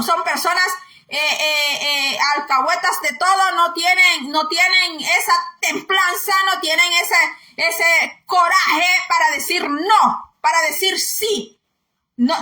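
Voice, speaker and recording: A woman delivers a fervent sermon. She repeats words for emphasis and slips into sing-song mockery of others. Her voice is high and bright, and the room around her echoes. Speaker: preacher.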